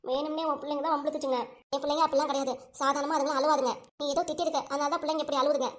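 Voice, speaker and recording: A woman's voice: sits high, level tone, rapid-fire, lightly acted. A woman with a Tirunelveli Tamil accent voicing a young mother who defends her children and complains in a cartoon. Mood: indignant. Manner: indignant, complaining.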